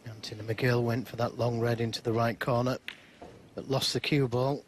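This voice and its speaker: A male snooker commentator with a mid-pitched voice speaks in short, measured phrases. He takes his time between remarks, and faint venue noise sits behind him. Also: level tone. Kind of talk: sports commentary. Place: live snooker broadcast commentary.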